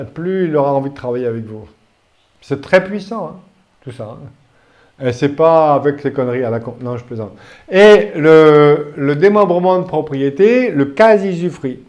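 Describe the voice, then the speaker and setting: A male law lecturer with a fairly high but mellow voice, talking to his students in a recording studio. He keeps it lively with jokes and quick questions to the class. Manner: lively, joking, with rhetorical questions.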